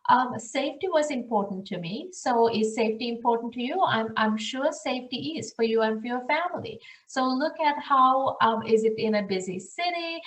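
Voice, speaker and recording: A woman from Sri Lanka who directs international programs gives earnest advice in an online webinar presentation, posing rhetorical questions to the audience. Her voice is a little high and expressive, at normal speed with hardly any pauses. She's recorded in an echoey room, far from the mic.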